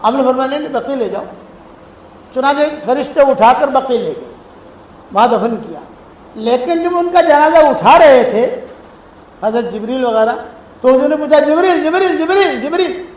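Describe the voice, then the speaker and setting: A man's voice: very high-pitched, expressive, long pauses, a little mellow. A male preacher giving a sermon, telling stories with acted dialogue and pressing his listeners to promise things. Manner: storytelling, acts out dialogues; keeps asking the audience for promises. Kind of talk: Islamic sermon. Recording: echoey hall, faint noise.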